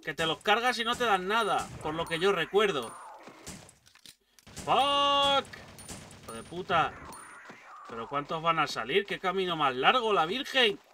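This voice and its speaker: Excitable, foul-mouthed gamer man. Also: a little high, fairly quick, hardly any pauses, distant mic, slight background noise. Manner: excitable, swears a lot, yelps at jump scares. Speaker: gaming streamer. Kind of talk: casual let's-play commentary.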